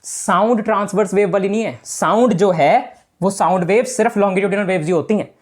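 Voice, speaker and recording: A man's voice: high-pitched, a little fast. A male teacher giving a casual physics lesson to students, talking informally and repeating the key points.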